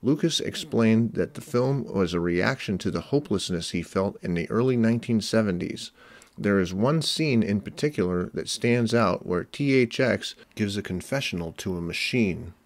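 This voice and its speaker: Low-voiced man narrating an essay. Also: expressive. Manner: measured, explanatory. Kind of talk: scripted analytical narration.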